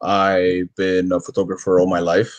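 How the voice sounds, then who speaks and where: A man from Bulgaria, a guest photographer, speaking in a halting, casual way on a video call. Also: deep voice, completely flat delivery, no room sound. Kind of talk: casual interview talk.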